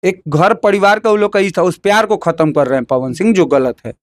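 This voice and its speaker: A man with a Bhojpuri accent and a voice that sits high gives heated opinions in an interview, speaking fairly quickly on a dry recording. He is emphatic and combative, repeating phrases and firing off rhetorical questions.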